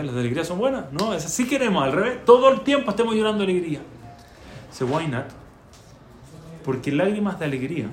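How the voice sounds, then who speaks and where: A man teaching Torah in conversation, telling stories and asking rhetorical questions. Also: a little high. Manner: animated storyteller, asks rhetorical questions. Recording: echoey room with faint background noise.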